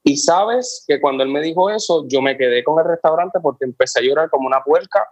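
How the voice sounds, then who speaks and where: A man's voice: brisk, no room sound. Puerto Rican man telling a story. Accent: Puerto Rican Spanish. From Puerto Rico. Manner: animated, acts out dialogue with pitch jumps. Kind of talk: casual interview storytelling.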